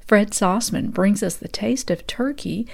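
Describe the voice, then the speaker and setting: A woman's voice: mid-range voice, measured pace, creaky. A woman hosting a farm and food podcast, reading event announcements from a script. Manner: reads event listings steadily. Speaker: podcast host.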